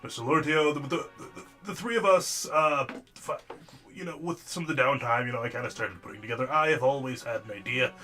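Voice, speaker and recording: A man's voice: medium pitch, a little fast, sharp tone, faint music behind, lightly acted. A man voicing a male orc scientist who rambles hesitantly about his invention. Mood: rambling.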